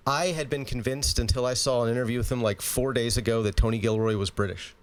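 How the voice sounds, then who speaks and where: Male podcast co-host, mid-pitched, chatty and filler-heavy. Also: steady tone, quick pace. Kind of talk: casual chat.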